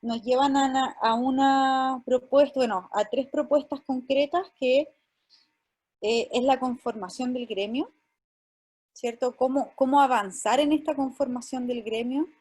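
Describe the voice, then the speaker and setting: A woman's voice: high-pitched, measured pace, darkish tone. A woman from Chile moderating an online panel, speaking hesitantly with fillers and restarts.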